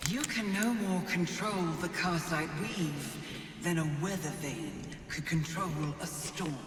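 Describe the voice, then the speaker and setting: A woman's voice: on the low side, a little slow. A woman voicing a solemn, commanding goddess of magic in a video game, with a stately goddess voice under a heavy otherworldly echo. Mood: stern, grave. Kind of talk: scripted video game dialogue. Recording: cavernous echo, long reverb, distant, noisy.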